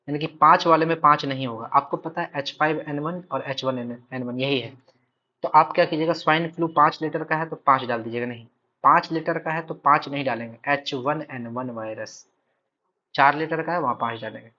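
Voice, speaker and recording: A man's voice: medium pitch, moderate pace, muffled recording. A man teaching an exam-prep lecture in Bihar-accented Hindi. He repeats key terms several times and keeps checking in with his listeners. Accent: Hindi speaker from Bihar. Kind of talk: recorded lecture.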